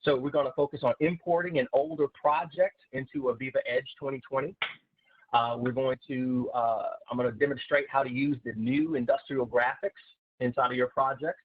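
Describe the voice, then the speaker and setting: A man giving a software webinar as a systems consultant, halting with many filler sounds, his voice heard through a recorded online meeting. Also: medium pitch, fairly even intonation, a little hiss or hum. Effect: voice heard through a recorded online meeting's screen-share session. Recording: tinny, dry online-call audio.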